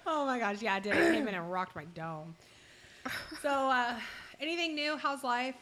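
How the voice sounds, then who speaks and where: Blunt, bright-voiced woman chatting casually. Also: sits high, big pitch swings, normal speed. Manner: blunt, slangy and exclamatory. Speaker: podcast co-host. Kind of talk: casual, irreverent chat.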